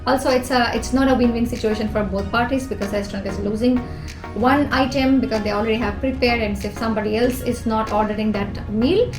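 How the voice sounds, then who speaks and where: A woman from Bangladesh with a Bangladeshi English accent, earnestly explaining numbered tips with everyday examples in a talking-to-camera advice vlog. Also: fairly high pitch. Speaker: youth organisation president and vlog host. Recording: echoey room with music behind.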